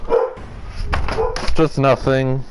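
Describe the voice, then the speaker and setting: A young man hosting a gaming video, calling a wrestling match play-by-play with excitable shouts and rambling asides. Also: medium pitch, drawn-out words, noisy background. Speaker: gaming channel host. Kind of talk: play-by-play wrestling commentary over gameplay.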